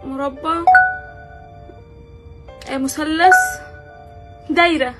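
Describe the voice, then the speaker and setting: A woman's voice: high-pitched, takes it slowly, over loud music. A woman voicing an anxious young Egyptian daughter who takes memory tests, with Egyptian speech. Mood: eager. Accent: Egyptian Arabic. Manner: expressive, nervous storybook acting.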